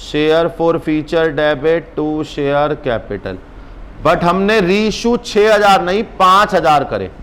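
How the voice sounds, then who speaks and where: A male accounts teacher in a brisk exam-prep lecture, teasing and urging his students on. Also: a little high, animated, a bit bright.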